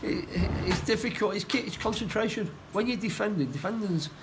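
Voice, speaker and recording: A middle-aged football manager giving a post-match interview, plain-spoken and halting, often repeating his words. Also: high voice, noisy background. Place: indoor room by a stadium door.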